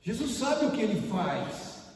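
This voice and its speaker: A man with a Brazilian Portuguese accent preaching a sermon as pastor, animated and acting out the people in his story. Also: high voice, a little slow. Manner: animated, acts out voices and exclamations. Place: church hall during a service. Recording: echoey hall, mic far off.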